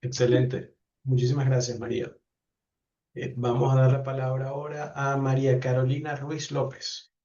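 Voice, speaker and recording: A man's voice: mid-range voice, flat delivery, moderate pace, warm tone, recorded from a distance, dull audio. A man, a professor, calling on participants one by one in an online class and thanking each of them courteously. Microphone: video call.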